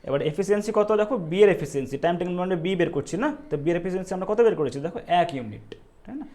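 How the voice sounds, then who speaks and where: A male math teacher working through exam problems step by step, often asking the students if it is clear and telling them not to worry. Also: high-pitched, lively intonation, very fast, mellow. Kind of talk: exam-prep math lesson.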